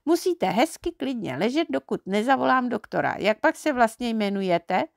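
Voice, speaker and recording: A woman's voice: on the high side, lively intonation, gravelly, dry recording, studio quality, pitched above the performer's own voice. A woman voicing a fussy, bossy little girl in a children's storybook reading, chiding and teasing. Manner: chiding, quick to scold and tease.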